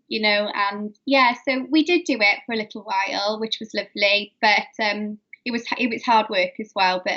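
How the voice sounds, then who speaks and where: A woman's voice: medium pitch, a bit bright. Welsh valleys woman, dull lo-fi audio. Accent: South Wales valleys. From South Wales. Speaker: podcast guest, dance teacher and coach. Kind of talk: casual interview chat.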